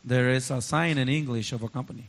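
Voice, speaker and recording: A man interprets a sermon live at a middle pitch. He follows the preacher phrase by phrase and sometimes hesitates or restarts. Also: moderate pace. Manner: follows closely, with fillers and restarts.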